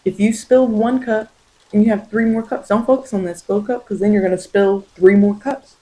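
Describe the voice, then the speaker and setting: A woman with a medium-pitched, mellow voice speaks briskly in a steady tone on a rough recording. She's a tarot reader and ASMR host improvising spiritual tarot guidance directly to the listener, offering encouragement and repeating phrases for emphasis.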